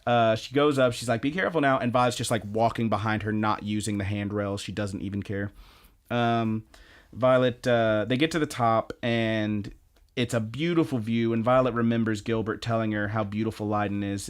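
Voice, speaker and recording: A man co-hosting a podcast, casually recapping anime episodes in a rambling, animated way and jumping into excited voices for quoted lines. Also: fairly low pitch, moderate pace. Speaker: podcast co-host.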